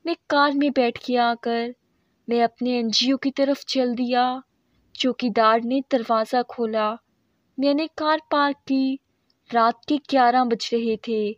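A woman reading a moral story aloud as scripted narration, steady and earnest. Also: high voice, no echo. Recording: dry, dull lo-fi sound.

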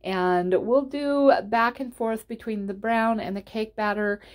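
A woman's voice: a little high, fairly even intonation, a little slow. A woman giving a casual instructional voice-over as a tutorial host, explaining step by step in an encouraging way.

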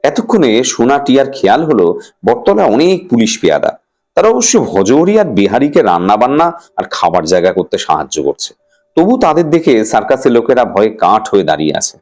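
A male storyteller reading a children's story aloud, animated and sing-song, with his pitch rising and falling freely. His voice sits in a middle register, and faint music plays underneath. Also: a little fast. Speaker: story reader. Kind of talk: expressive storytelling narration.

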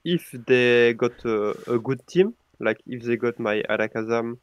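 A man's voice: mid-range voice, clean tone, dry recording, muffled recording. A man on a podcast, stammering as he questions and breaks down a game's moves. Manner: stammering, quick to question plays. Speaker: podcast guest. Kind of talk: casual gaming commentary.

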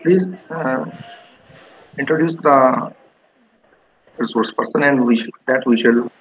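A man with an Indian accent hosting an online workshop in a halting, hesitant way. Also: medium pitch, breathy edge. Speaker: workshop host. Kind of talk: informal meeting moderation. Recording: dull, faintly noisy video call.

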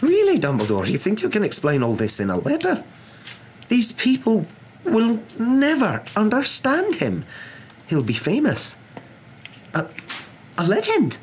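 Guy doing an older witch professor, pitched way up, stern but rattled, swoopy, storybook reading. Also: wildly swooping pitch, slow, pauses often, fairly bright tone, slight background noise, full character voice. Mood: indignant. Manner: faltering, emphatic, indignant.

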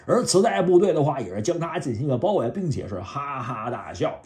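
A man hosting a video, casually retelling a comic story with a chatty, lively delivery. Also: medium pitch, a little fast. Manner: lively, chatty, acts out lines. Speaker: host retelling a manga.

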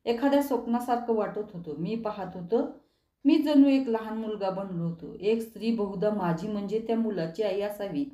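A woman's voice: mid-range voice, moderate pace, dark tone, roomy sound, natural voice. A woman voicing a shaken, exhausted man recalling a vision. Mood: haunted.

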